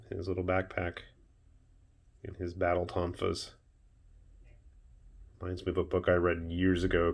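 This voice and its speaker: A man hosting a casual show-and-tell of his painted miniatures, chatty with wry asides. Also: mid-range voice. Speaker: miniature painting channel host.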